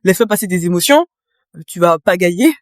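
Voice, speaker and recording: A woman's voice: lowish voice, animated, a little fast, no room sound, clean studio sound. A woman guest in a casual interview, explaining her experience with vivid images and talking straight to the listener. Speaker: guest, business coach.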